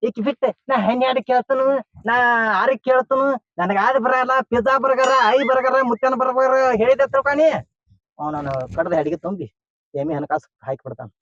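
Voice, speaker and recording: A man's voice: on the high side, expressive, quick pace, natural voice. An actor playing an anxious young man who coaxes and pleads with his bride-to-be, speaking with a North Karnataka Kannada accent in a comic short film. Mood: worried. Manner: pleading, coaxing. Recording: muffled sound with loud background noise.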